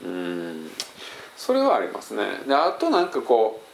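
A man's voice: fairly low pitch, wildly swooping pitch, unhurried, creaky. A man with a Kansai Japanese accent hosts a casual chat and answers listener questions in a rambling, hesitant way full of fillers. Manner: rambling, hesitant, many fillers, mixes in English phrases.

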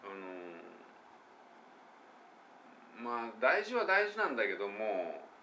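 A middle-aged man with a Kansai accent giving a relaxed spoken English pronunciation lesson, thinking aloud with fillers and slowly demonstrating English phrases. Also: fairly low pitch, a little hiss or hum.

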